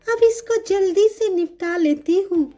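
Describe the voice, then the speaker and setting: A woman's voice: very high-pitched, measured pace, mellow. A woman voicing a fretful schoolgirl in a storybook doll show, whiny and tearful, over faint music. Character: fretful schoolgirl doing homework.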